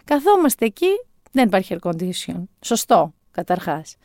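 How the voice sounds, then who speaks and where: A woman's voice: mid-range voice, sing-song, a little mellow, no echo, studio quality. Wry self-mocking woman in her forties. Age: 40s. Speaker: storyteller. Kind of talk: comic monologue.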